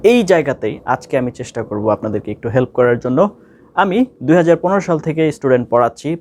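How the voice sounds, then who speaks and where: In a spoken English lesson, a Bangladeshi-accented man explains things one step at a time in a mid-range, darkish voice over slight background noise. He stresses key words by repeating them and reads the practice lines with slow, careful delivery.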